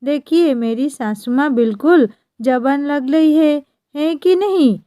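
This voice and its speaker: Brash young bride played by a woman, teasing, bossy, mellow, dry sound. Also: high-pitched, slow, dry recording. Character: brash young new bride, pushy and cheeky.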